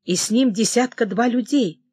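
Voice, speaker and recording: A woman's voice: fairly high pitch, normal speed, husky, no room sound. Woman doing loyal young noble, urgent and pleading, dry. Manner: urgent shouting. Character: young nobleman, loyal and desperate son-in-law.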